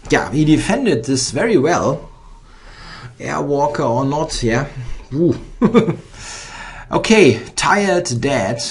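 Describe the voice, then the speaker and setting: A man giving live think-aloud chess commentary on his own blitz game, halting and muttering to himself as he thinks. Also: a little high, very animated.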